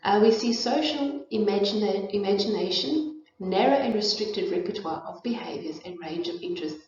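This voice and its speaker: Fairly low in pitch and darkish in tone, this middle-aged South African woman presents an informal educational talk on parenting and child development. She pauses to think, using frequent fillers and restarts, while a little hiss or hum runs through the echoey, distant, dull room recording.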